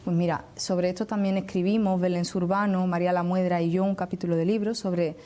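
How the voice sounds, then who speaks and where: A woman with an Andalusian accent explaining things as an interview guest, measured and didactic, pausing to choose her words. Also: on the low side, flat delivery, dark tone. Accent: Andalusian Spanish. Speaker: interview guest, academic researcher.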